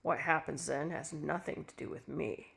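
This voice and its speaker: A woman doing a cold, vindictive husband in a spoken story, harsh and growling as he dismisses his wife. He sounds calm, amused and merciless. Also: low-pitched, normal speed, vocal fry, slight background noise, pitched below the performer's own voice, heavily acted. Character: ruthless cold middle-aged husband.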